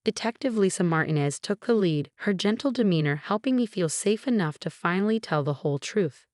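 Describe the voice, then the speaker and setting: A woman reading a first-person story as a scripted narration, steady and even. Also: mid-range voice, fairly quick, no room sound, clean studio sound.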